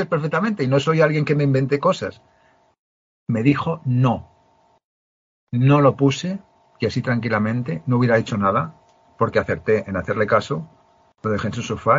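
Husky-voiced man telling a story. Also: mid-range voice. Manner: storytelling, emphatic with frequent restarts. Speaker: podcast host. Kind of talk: casual conversation. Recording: muffled lo-fi sound.

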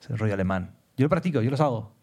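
A young man from Peru co-hosting a casual podcast chat, telling stories animatedly and acting out quotes with sudden high exclamations. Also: expressive, rapid-fire, a little mellow. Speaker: podcast co-host.

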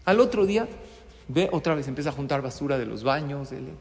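A man's voice: mid-range voice, animated, brisk. A middle-aged man, a rabbi, gives a sermon in a synagogue, telling a story with lots of rhetorical questions. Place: synagogue study hall. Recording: long reverb in a hall.

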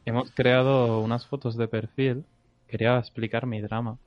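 A man's voice: medium pitch, level tone, normal speed. Guy cohost, kinda mumbly, dull muffled mic. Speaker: podcast co-host. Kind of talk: casual chat.

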